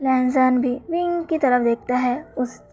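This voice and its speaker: A woman narrating a fan fiction story in steady, even storytelling. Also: sits high, unhurried, faint music behind.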